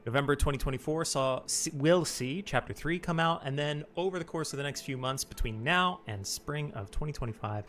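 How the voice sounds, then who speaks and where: A man presenting a game livestream, talking fast and loosely with a chuckle. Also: on the high side, fairly bright tone, soft background music.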